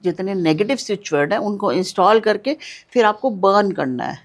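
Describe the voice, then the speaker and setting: A woman speaking as a podcast guest, explaining step by step. She is patient and instructive and keeps repeating the key words. Her voice sits at a medium pitch for a woman. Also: animated, normal speed. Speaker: guest, switch-word remedy expert.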